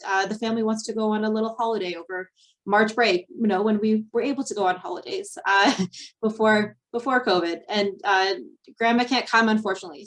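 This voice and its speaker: A young adult woman presents a slide webinar at a middle pitch. She explains things step by step and pads her sentences with frequent ums and fillers. Her delivery stays informal and conversational. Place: Ontario.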